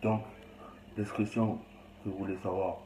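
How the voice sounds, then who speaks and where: A man's voice: sits low, little pitch movement, measured pace, dark tone, echoey room, slight background noise, low-quality recording. A young man with a Cameroonian accent talks bluntly and rambles in a casual, slangy monologue. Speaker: vlogger.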